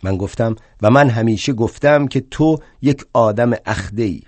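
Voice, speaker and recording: A man's voice: medium pitch, no room sound, close to an everyday voice. An older man playing a proud, indignant old revolutionary. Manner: wry storytelling, rising to indignant shouts. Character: aging male revolutionary thinker, proud and indignant. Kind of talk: one-man stage play monologue.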